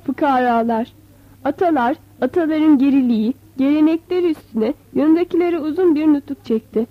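A woman reads a novel aloud in a measured, expressive way. Her voice is high, and the recording sounds dry and a little dull, as if on modest gear. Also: dry recording. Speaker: narrator. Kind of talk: audiobook novel reading. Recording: dull, slightly lo-fi.

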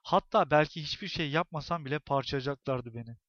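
A man narrating a novel as an audiobook, in expressive, tense storytelling. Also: fairly high pitch, fast talker, no room sound, highs cut off.

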